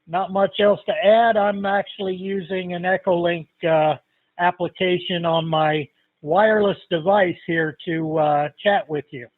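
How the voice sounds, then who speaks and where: An older man checks in to an amateur radio net, and he comes through a tinny narrow-band radio transmission. His voice is high for a man, and the sound is dry and thin. He talks in a relaxed, rambling way. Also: unhurried, no echo.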